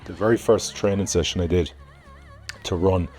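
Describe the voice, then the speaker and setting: An Irish man, a former rugby player, speaking earnestly and reflectively in a documentary interview, with many pauses and ums. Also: low voice, fairly even intonation, darkish tone, soft background music.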